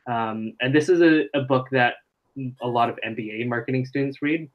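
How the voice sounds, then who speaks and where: In a casual live webinar over a video call, a man teaches marketing, explaining loosely with lots of fillers. His mid-range voice moves at a moderate pace, and the sound is lo-fi.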